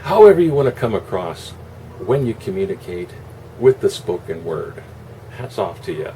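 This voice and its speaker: A man's voice: sits low, very animated, normal speed, warm tone, recorded from a distance. A man giving a casual, opinionated monologue in a rambling, sarcastic, salty way. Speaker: online video host. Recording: constant air-conditioner hum, noisy room.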